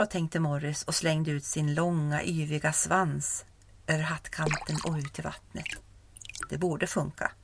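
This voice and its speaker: A woman narrating a scripted children's story as the storyteller, in a gentle, unhurried way. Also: low-pitched, creaky, dry recording.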